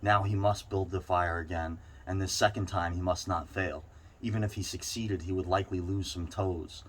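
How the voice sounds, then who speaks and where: A man reads a short story aloud in a low, steady voice at normal speed, occasionally stumbling over a word and going back over it. The background noise is clear.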